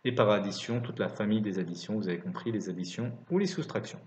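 A man's voice: lowish voice, fast talker. A man teaching maths in a scripted lesson narration, dictating calculations piece by piece. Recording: roomy, slightly dull recording.

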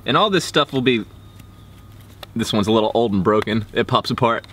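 A man's voice: lowish voice, a little fast, a bit bright. A man in his twenties giving a casual, slangy product review to camera as a vlogger. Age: 20s. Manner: informal, slangy. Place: outdoors, backyard and woods. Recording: faint outdoor background noise.

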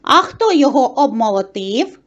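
A woman voicing a hardworking, cheerful male rooster in a children's tale, calling out brightly. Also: high-pitched, big pitch swings, moderate pace, highs cut off. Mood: reproachful. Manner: calling out brightly, then scolding.

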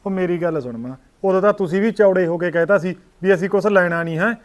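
A man's voice: high voice, quick pace, natural voice. A man playing a son arguing with his mother. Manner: arguing, reasoning. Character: adult son defending his sister-in-law. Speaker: actor in a short film. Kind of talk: Punjabi village short-film drama.

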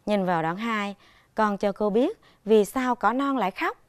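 A woman primary school teacher giving a televised reading lesson to young children, speaking patiently and enunciating clearly. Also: mid-range voice, moderate pace, dry recording.

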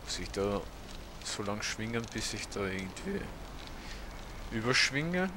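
A man's voice: on the low side, very animated, a little slow, noisy background. Thirty-year-old man commentating gameplay. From Austria. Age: 30s. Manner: casual, hesitant with frequent fillers. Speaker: let's play host.

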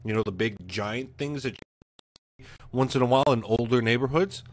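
A man's voice: medium pitch, a little fast. Emphatic man ranting at home. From Canada. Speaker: host. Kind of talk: casual rant to camera. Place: living room at home. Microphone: studio mic in front of webcam.

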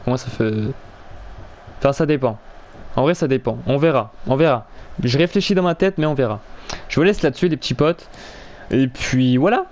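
A man's voice: medium pitch, moderate pace, long pauses, darkish tone. A young man chatting casually while playing a video game, rambling, stumbling over his words and swearing now and then. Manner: crude slang and swearing. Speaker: gaming video creator.

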